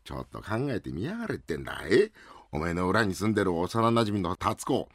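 A man voicing a bossy older uncle who runs a greengrocer, scolding in rough old-fashioned speech, in rakugo storytelling. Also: sits low, sing-song, fairly quick, no echo, full character voice.

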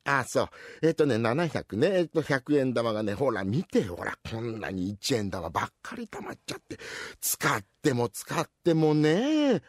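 A male storyteller performs a comic rakugo tale, voicing a fussy, chatty old woman shopper who rambles and scolds. The character's voice swoops lively up and down around a medium pitch at a normal speed. The recording is close and dry.

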